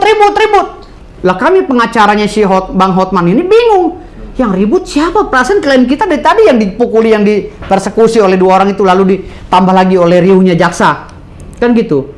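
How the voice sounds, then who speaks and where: Indignant man. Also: very high voice. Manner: indignant, animated, mimics others. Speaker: lawyer. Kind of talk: heated interview answers.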